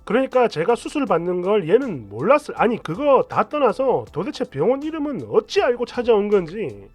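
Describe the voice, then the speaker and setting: A man's voice: high-pitched, big pitch swings, normal speed, dry recording. A man narrating a story in a chatty first-person retelling. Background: soft background music.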